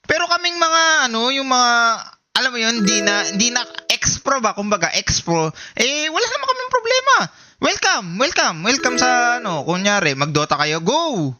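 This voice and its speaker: A man in his twenties streaming a casual reaction, excitable and profane, rambling and teasing. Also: very high-pitched, moderate pace, muffled recording. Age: 20s. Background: background music.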